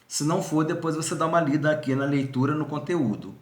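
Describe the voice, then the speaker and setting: A man gives a recorded seminary lesson, explaining step by step and often circling back to restate a point. He speaks directly to the viewer in a slightly high voice. The room around him echoes. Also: fast talker. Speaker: seminary teacher.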